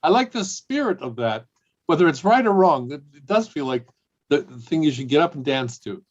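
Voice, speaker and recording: Over a video call, a man with a fairly high, animated voice briskly leads a service in a casual way. He's playful yet hesitant, saying "um" a lot, and the call audio is dull and lo-fi.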